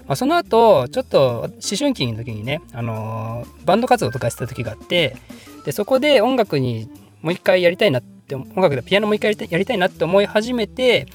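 Chatty man, voice pitched up, lively. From Japan. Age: adult, working. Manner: rambling, self-deprecating, laughs often. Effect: voice pitched up slightly in editing. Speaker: history channel host answering viewer questions. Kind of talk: casual Q&A monologue.

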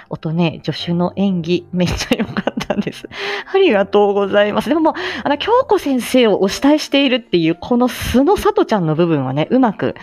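With music playing behind her on a muffled, lo-fi stream, this woman, an amateur voice drama actor, hosts a relaxed live chat, recalling old times and responding to listeners. Her voice is lowish and darkish, and she laughs a lot while making fun of herself.

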